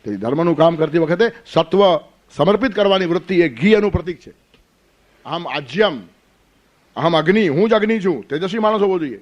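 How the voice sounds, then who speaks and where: A man's voice: high-pitched, expressive, a little fast, dull audio. Man giving a scolding spiritual discourse. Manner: forceful, scolding, rhetorical questions. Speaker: spiritual teacher. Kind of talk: Gita discourse.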